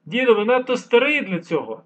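A man's voice: extremely high pitch, big pitch swings, brisk, pitched above the performer's own voice, heavily acted. A man voicing young, impatient male palace guards who brush off an old man, in an audiobook. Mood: dismissive. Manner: dismissive, then angry shouting. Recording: dull lo-fi recording.

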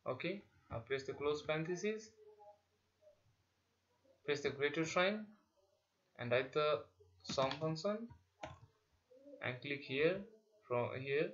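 Slow-paced man dictating tutorial steps. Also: a little high, expressive, a bit bright. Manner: dictating instructions in short, halting phrases. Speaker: spreadsheet tutorial instructor. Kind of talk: step-by-step software tutorial narration. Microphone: voice-over on a screen recording. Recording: dull, lo-fi sound with clicking.

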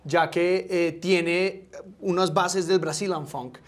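A man's voice: high-pitched, steady tone, slow. A man, a radio host who interviews a guest with long, rambling questions full of asides.

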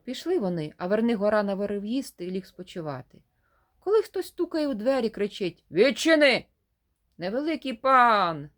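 Woman storyteller, folk tale retelling, lively swinging pitch, animated, acts out dialogue. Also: a little fast.

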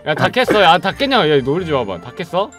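A man hosting a gaming stream, commenting loudly and excitedly and yelling at his friends as they play. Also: a little high, a little fast, music in the background. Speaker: streamer host.

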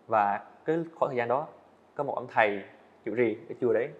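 An indoor studio interview with a young adult student animator, his mid-range voice coming through with phone-like quality. Earnest and fast-talking, he keeps his answers casual and regularly stops to restart a phrase.

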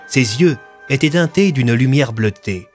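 Male storyteller, mid pitch, steady expressive narration, faint music behind. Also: unhurried. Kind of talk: scripted dramatic narration.

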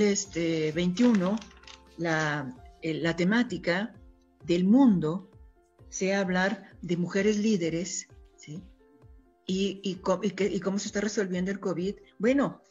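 A woman's voice: mid-range voice, darkish tone. A woman speaking as a guest on a radio panel talk, earnest and often stopping to check that her listeners follow. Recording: dull lo-fi radio recording.

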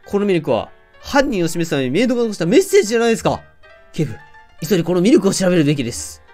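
A man voicing a scheming young male murderer in a game who talks fast and pushes suspicion onto others. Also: high voice, sing-song, darkish tone, soft background music. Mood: pushy. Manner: quick, pushy deflecting.

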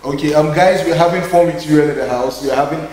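A man's voice: a little high, darkish tone, echoey room, a little hiss or hum, rough recording. A man with a Nigerian accent interviewing a guest in a playful, teasing way. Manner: fast, teasing, playful questioning. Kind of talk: casual interview.

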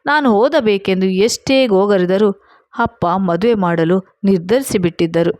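A woman narrating a first-person story, reading out the quoted dialogue in her steady storytelling voice. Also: medium pitch, dry recording, clean studio sound.

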